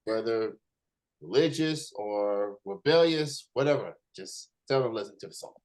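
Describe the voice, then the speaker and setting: A man with an American accent hosting a casual interview in a halting way, often repeating his words. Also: fairly low pitch, animated, darkish tone, low-quality recording. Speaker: interviewer, host.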